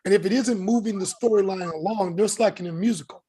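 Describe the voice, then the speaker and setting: A man's voice: high voice, fast, warm tone, a little hiss or hum. A man co-hosting a podcast, ranting emphatically and with exasperation about wrestling storylines. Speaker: podcast co-host. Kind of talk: casual wrestling chat.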